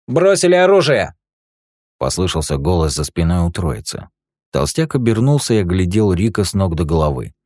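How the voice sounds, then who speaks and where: A man narrating an action audiobook in a steady storytelling manner. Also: deep voice, a little fast, dry recording, studio quality.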